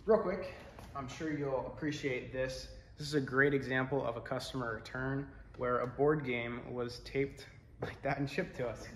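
A man in his twenties narrating a casual walk-through tour as host, in an echoey warehouse, picked up by a camera a few feet away. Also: medium pitch. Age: 20s. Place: large warehouse room with concrete floor, indoors. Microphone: handheld camera a few feet away. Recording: echoey warehouse, some background noise.

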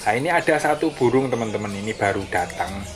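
Chatty man with a low voice. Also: expressive, fast talker. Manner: friendly, chatty, keeps saying "friends" with a dropping tail. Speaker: bird hobby vlogger. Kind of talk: casual explanatory vlog. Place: outdoors by bird cages on paving. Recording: phone audio with clear background noise.

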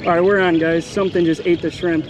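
A young man in his twenties giving chatty, excited running commentary while fishing from a small boat, recorded on a body-worn action camera. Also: on the high side, quick pace, noisy background. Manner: excited, chatty, calls viewers "guys" and "bro". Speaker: fishing vlogger host. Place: outdoors on a small boat on a bay. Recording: music playing underneath.

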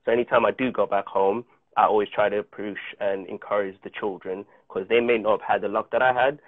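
Speaking on a video call from home through an earphone mic, a South African actor in his thirties, a native Chichewa speaker, appears as a guest in a casual interview. His reflective, earnest stories come with many restarts. His lowish voice is fairly quick with fairly even intonation, and the tinny, phone-like call audio is dry with no echo.

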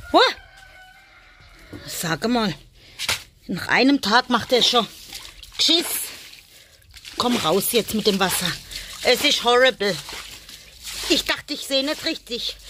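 A woman, chatting casually for a family vlog as she talks to her animals and sometimes drops into soft muttering. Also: on the high side, a little hiss or hum. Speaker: family vlogger. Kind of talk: casual vlog chat while looking after rabbits.

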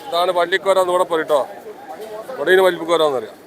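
A man's voice: high-pitched, rapid-fire, a crowd in the background. A man with a Kozhikode Malayalam accent giving casual, repetitive running commentary for a video and calling out to workers. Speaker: vlogger at a fishing harbour. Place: busy outdoor fishing harbour. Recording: noisy outdoor recording with vehicles. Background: harbour and vehicle noise.

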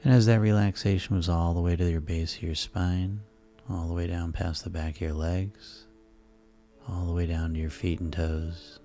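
A man leads a guided sleep hypnosis in a soft, soothing way. His voice is deep and mellow, with very little rise or fall. He takes his time, pausing between calm phrases. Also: vocal fry. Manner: soft, soothing, unhurried delivery with pauses. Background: relaxation music.

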